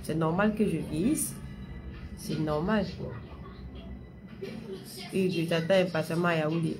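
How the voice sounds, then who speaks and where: A woman's voice: low-pitched, a little slow, over music. A young woman hosting a casual live stream, talking straight to her viewers, repeating herself, with a slight stammer she says has eased. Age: young adult. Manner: chatty, addresses viewers directly, repeats phrases. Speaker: livestream host answering viewers.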